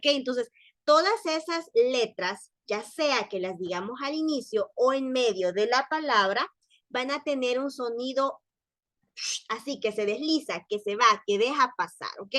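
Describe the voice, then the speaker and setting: Mujer profesora, habla lenta y paciente. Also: female voice, a little high, pushed and bright, no echo. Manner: slow and patient, repeats example words, checks in with "¿ok?". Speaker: French teacher. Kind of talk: online class lecture.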